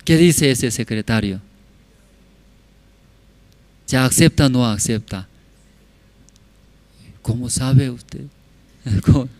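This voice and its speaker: A man's voice: mid-range voice, slow pace, pauses often, a little mellow, no room sound. A man preaching, telling a story and checking in with tag questions. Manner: frequent tag questions to the audience. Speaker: pastor. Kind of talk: sermon storytelling.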